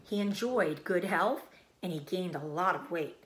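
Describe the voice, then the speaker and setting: A woman reading a children's storybook aloud as a teacher, in expressive narration. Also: lowish voice, measured pace, a little hiss or hum.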